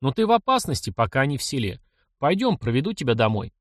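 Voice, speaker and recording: Calm sad bearded peasant guy, low soothing voice, dry close sound , voiced by a male reader. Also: fast, dry recording. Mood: quiet.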